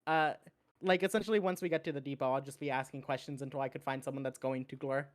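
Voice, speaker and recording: A woman's voice: a bass voice, fairly even intonation, fast. A woman playing in a tabletop game, chatting casually with stumbles and the odd swear. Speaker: player.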